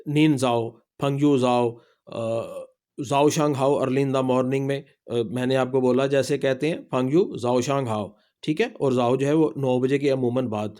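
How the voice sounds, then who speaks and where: With a steady, mellow, mid-range voice, a man speaking with a Pakistani Urdu accent teaches a relaxed language lesson. He patiently says each word again and again for practice.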